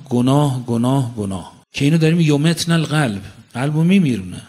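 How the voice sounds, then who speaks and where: A man's voice: medium pitch, darkish tone. A man preaching a religious sermon, telling a story and quoting Arabic verses before explaining them, repeating phrases for emphasis. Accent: Iranian Persian. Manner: repeats phrases for emphasis, rising to fervent peaks.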